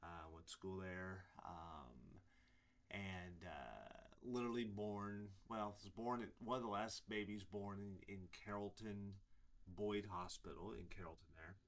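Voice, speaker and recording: A man's voice: deep voice, steady tone, measured pace. A man in his forties from Illinois, a preacher telling his life story in a casual, rambling way with many fillers. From Illinois, USA. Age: 40s. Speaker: preacher giving his testimony. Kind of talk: casual personal testimony to camera.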